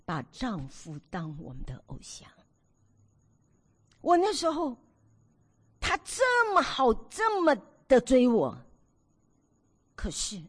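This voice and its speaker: An older woman in her sixties preaches to a gathering of women. Her voice sits fairly high, and it leaps up and down as she tells stories from her own life. She acts out scenes as she speaks. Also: breathy edge. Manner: animated storytelling, acts out her own past nagging. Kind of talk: sermon to a women's meeting.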